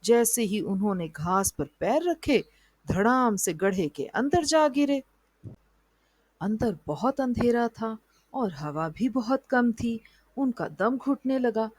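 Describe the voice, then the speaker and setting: A woman narrating a children's moral story in an even storybook reading style. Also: a little high, slow, dry recording.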